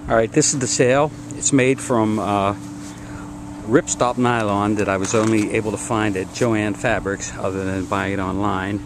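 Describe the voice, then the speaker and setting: Filming outdoors in his backyard, a DIY builder gives a casual show-and-tell of his homemade build, matter-of-fact and halting with many "uh" fillers. His voice is fairly low with fairly even intonation. The camera audio is noisy, with wind and outdoor ambience.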